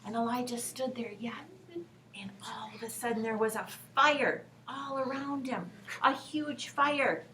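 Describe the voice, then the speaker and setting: A woman telling a Bible story to children, animated and swinging between loud lines and soft whispers. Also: fairly high pitch, measured pace, distant mic, a little hiss or hum. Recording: recorded from across the room.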